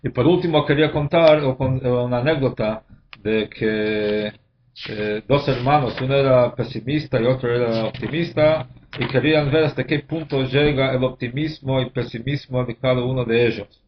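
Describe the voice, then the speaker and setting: A man teaching a religious lesson as a rabbi, explaining at a measured pace and pausing often to find his words. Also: mid-range voice, a little hiss or hum. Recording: dull lo-fi recording.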